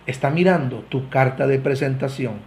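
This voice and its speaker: Speaking at a medium pitch and moderate pace, a pastor from Costa Rica preaches in Costa Rican Spanish. His sermon addresses the congregation earnestly, building with swelling emphasis.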